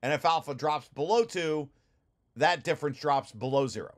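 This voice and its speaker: Speaking at a moderate pace in a slightly high voice, this man leads a study group through a research paper on shared slides. His explanation is informal and technical, and he keeps restarting and repeating himself.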